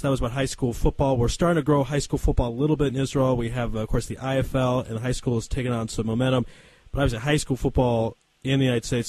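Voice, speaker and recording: A man's voice: mid-range voice, a little mellow, dry recording, poor audio. Friendly male radio host, dry sound. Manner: friendly, conversational, with small hesitations. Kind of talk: radio interview.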